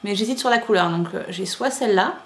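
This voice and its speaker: A woman's voice: mid-range voice, fast. A woman in her thirties, chatting casually as a knitting podcaster, rambling with many fillers and asides. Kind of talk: casual chat showing yarn to camera. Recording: echoey room with faint ambient noise.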